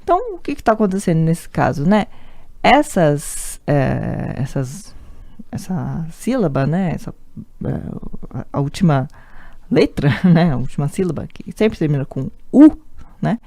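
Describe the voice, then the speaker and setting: A woman's voice: sits low, very animated, measured pace, dark tone, no room sound. A woman with a Brazilian Portuguese accent teaching an online language lesson, patient and repetitive, often checking in with the listener. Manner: patient, repeats words often, tag questions. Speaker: Japanese teacher.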